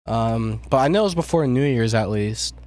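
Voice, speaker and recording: A man's voice: mid-range voice, expressive, normal speed, darkish tone, no echo. Sick, rambling man live-streaming. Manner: rambling, swears often, self-deprecating. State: sick with a cough, cough drop in mouth. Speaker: music producer streaming. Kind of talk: casual live-stream chat.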